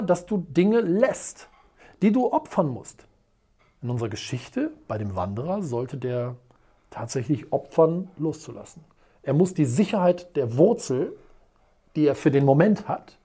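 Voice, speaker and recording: A motivational coach teaches at a whiteboard and keeps repeating rhetorical questions with emphasis. The delivery is animated, and the pitch swings widely. The voice is husky and warm. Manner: tells stories in a lively, dramatic way. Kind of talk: motivational video lesson at a whiteboard.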